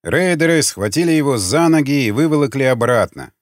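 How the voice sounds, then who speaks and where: Male audiobook narrator, lively voice. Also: mid-range voice, fairly quick, no echo, clean studio sound.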